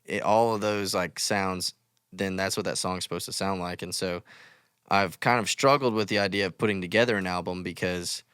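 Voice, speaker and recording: Low, clear-voiced musician. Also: male voice, fairly even intonation, moderate pace, a bit bright, no room sound, clean studio sound. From West Texas. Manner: thoughtful, explains with many "like"s. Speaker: guest musician. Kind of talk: casual interview chat.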